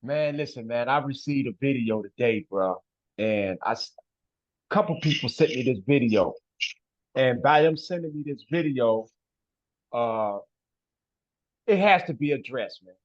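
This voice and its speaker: A man's voice: medium pitch, lively intonation, unhurried, pauses often. Emphatic man, dull lo-fi sound. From west side of Chicago. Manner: emphatic, ends phrases with "man" and "bro". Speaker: guest. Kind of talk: casual interview talk.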